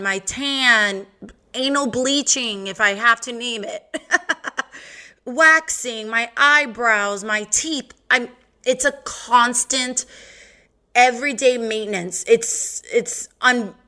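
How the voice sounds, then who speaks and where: A young woman with a bright, sharp voice and a Valley Girl accent runs her podcast in a sassy, profane, sing-song drawl. She talks slowly and sits a touch high. Faint music plays behind her. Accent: Californian Valley Girl. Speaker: podcast host. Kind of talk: casual monologue.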